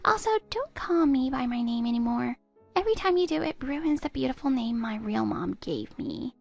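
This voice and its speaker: A woman's voice: sits high, lively intonation, normal speed, gravelly, a little mellow, soft background music, heavily acted. A woman voicing a spiteful stepdaughter in her twenties who sneers and cuts down her stepmother. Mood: scornful. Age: 20s. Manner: sneering, cutting, contemptuous. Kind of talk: text-story voice acting.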